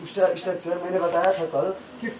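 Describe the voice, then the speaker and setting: A male science teacher with a high, darkish voice talks a little fast with little pitch movement as he teaches a class. He asks questions, makes pupils repeat the answers, and uses homely examples. The audio is echoey and noisy, captured from a distance.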